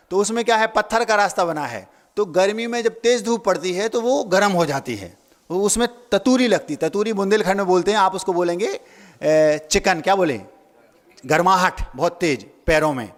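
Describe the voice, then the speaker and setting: High-voiced man preaching in a hall. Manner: playful wordplay, repeats key phrases; asks the audience questions. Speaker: Jain monk giving a sermon. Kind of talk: sermon.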